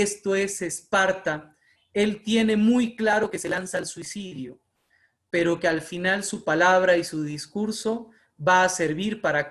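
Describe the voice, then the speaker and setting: A man's voice: high voice, fairly bright tone. Impassioned Mexican man giving an online lecture. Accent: Mexican Spanish. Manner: impassioned, emphatic, rhetorical repetition. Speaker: oratory workshop speaker.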